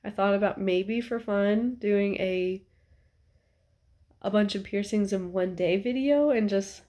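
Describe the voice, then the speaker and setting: A young woman chats to the camera from her couch at home in an easy, rambling way, filling pauses with ums and likes. Her voice sits at an ordinary middle pitch and sounds a little stuffy. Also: mellow. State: stuffy nose. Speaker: vlogger. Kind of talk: casual chat to camera.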